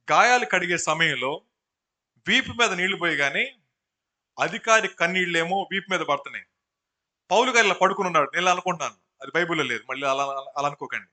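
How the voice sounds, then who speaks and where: A male pastor preaching a sermon, rising to loud bursts and putting questions to the congregation. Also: fairly high pitch, animated, fast talker, pauses often.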